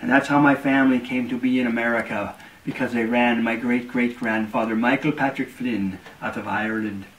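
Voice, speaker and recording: A magician telling a story as patter while doing a card trick, in a slow, deliberate storytelling manner. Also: male voice, mid-range voice, fairly even intonation, fairly bright tone, distant mic, a little hiss or hum, low-quality recording.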